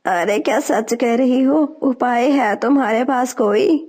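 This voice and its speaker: A woman's voice: fairly high pitch, darkish tone, lightly acted. A woman voicing a spiteful, bossy old female sparrow mother-in-law who scolds. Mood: grumbling.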